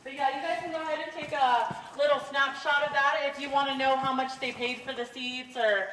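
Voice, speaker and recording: High-voiced woman guide, echoing cave. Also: steady tone, brisk, fairly bright tone. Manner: casual, chatty, gives safety reminders. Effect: cave echo. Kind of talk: guided tour talk. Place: inside a large cave. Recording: echoey cave voice from a distance, faint noise.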